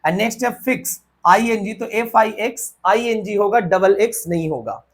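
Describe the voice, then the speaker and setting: Husky-voiced Indian grammar teacher. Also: male voice, sits high. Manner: spells out words letter by letter, checks understanding often; switches to slow deliberate reading for English rules. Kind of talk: whiteboard grammar lesson.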